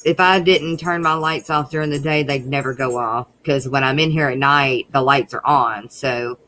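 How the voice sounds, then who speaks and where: A Southern woman chats easily as a livestream co-host, her voice bright and forward. She answers with quick agreement and little asides. A faint hiss sits behind her. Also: a bass voice, fairly even intonation. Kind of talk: casual livestream chat.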